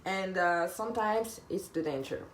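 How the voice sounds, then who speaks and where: A Cameroonian woman whose first language is French gives an earnest, informal live talk as a personal stylist, rephrasing and repeating herself for emphasis. Her voice is fairly low-pitched at a moderate pace, recorded in an echoey room with background noise.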